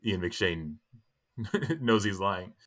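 Low-voiced man rambling about movies. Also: expressive, drawn-out words, a bit bright. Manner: rambling, many fillers and restarts. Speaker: podcast co-host. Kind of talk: casual film discussion.

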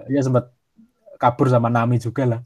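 A man's voice: medium pitch, flat delivery, fairly quick, darkish tone. A man chatting casually, mostly giving short agreeing replies and asking follow-up questions. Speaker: podcast co-host. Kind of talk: casual chat.

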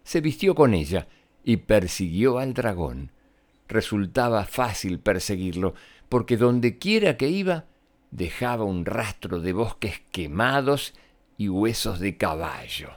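A male storyteller reading a tale aloud for children. His voice rises and falls with lively pitch, and he speaks directly to his young listeners. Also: unhurried. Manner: animated and expressive, addressing children.

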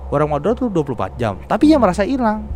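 A man from Central Java telling a ghost story in casual chat, animated and acting out what people said. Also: high voice, very fast, a little hiss or hum. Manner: animated, acts out quoted lines.

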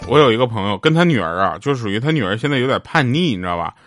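A man's voice: mid-range voice, expressive, very fast, music in the background. A man telling a string of short funny anecdotes in a chatty way, often laughing at his own punchlines. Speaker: comedic storyteller. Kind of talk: comedic storytelling monologue.

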